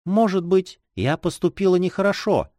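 A man's voice: high voice, big pitch swings, moderate pace, a little mellow, dry recording, studio quality, pitched above the performer's own voice. A man reading a timid, sad sixteen-year-old girl in an audiobook, with a sorrowful, trembling manner.

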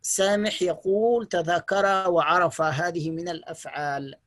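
A teacher giving a patient, step-by-step grammar lesson online, repeating key rules slowly and often praising and blessing the students. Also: mid-range voice, steady tone, a bit bright, no room sound.

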